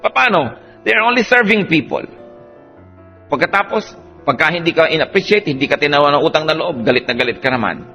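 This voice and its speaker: A man preaching a sermon, animated, swinging between soft passages and emphatic peaks. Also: on the high side, a little fast, soft background music.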